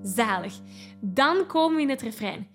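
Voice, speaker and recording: A woman's voice: on the high side, lively intonation, normal speed, over loud music. A woman singing teacher giving an encouraging vocal lesson, explaining technique and singing short examples. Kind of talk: vocal lesson with sung demonstrations.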